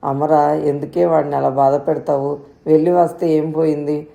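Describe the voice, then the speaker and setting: A woman doing a gravelly, fretful old grandmother. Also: low voice, little pitch movement, normal speed, dark tone. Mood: worried. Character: elderly grandmother, fretful and commanding.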